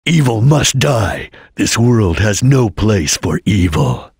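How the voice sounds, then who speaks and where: A man's voice: on the low side, sing-song, takes it slowly, gravelly, darkish tone, breathy edge, no echo, clean studio sound, exaggerated voice. A man playing a stern, disciplined ninja chameleon in a video game, speaking in solemn, formal, clipped declarations. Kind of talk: video game character voice acting.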